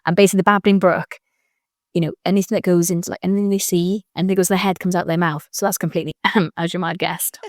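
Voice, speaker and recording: A woman, a joy coach and mother, chatting casually in an animated way, laughing often and using lots of fillers. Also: lowish voice, fast, no echo, clean studio sound. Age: adult mother. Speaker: joy coach and podcast guest. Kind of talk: casual conversation.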